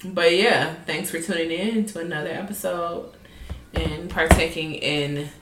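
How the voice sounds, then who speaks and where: A woman hosting a podcast from home, talking loud, blunt and full of slang. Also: lowish voice, steady tone, unhurried, very noisy. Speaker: podcast host. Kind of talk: casual chat. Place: home room. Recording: echoey room.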